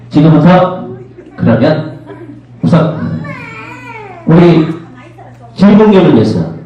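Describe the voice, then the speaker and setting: Joking high-voiced party MC in echoey hall. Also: male voice, recorded from a distance, muffled recording. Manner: joking, coaxing the crowd, shouting cheers. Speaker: event MC. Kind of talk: lively party emceeing. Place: banquet hall with live crowd. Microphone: handheld mic. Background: music and crowd noise.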